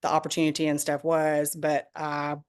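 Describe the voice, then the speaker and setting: A middle-aged woman from small-town Georgia with a Southern drawl, sharing a personal testimony in a halting, conversational way. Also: deep voice, monotone, smooth. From small town in northeast Georgia, USA. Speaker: guest, direct sales team member. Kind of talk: personal testimony on a group call.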